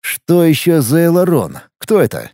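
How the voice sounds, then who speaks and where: A man's voice: fairly high pitch, wildly swooping pitch, normal speed, dark tone, dry recording, studio quality. A man doing a blunt, commanding warrior. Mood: calm cold. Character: hard, pragmatic male warrior, young adult.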